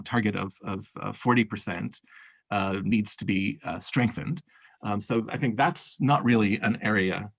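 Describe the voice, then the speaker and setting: Halting low-voiced man with gravelly tone. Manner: halting, many fillers and restarts. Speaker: workshop panelist. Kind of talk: unscripted policy talk.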